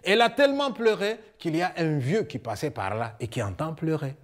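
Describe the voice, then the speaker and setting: A man's voice: a little high, a little fast. A man telling a folk tale on stage with humor and leading an audience in a sing-along. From Congo. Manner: lively, coaxing, teacherly. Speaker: storyteller.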